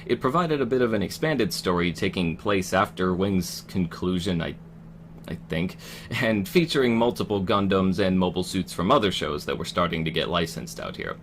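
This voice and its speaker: A low-pitched American man narrates a scripted game review. His intonation is very lively, with casual wry asides, over faint noise. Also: moderate pace.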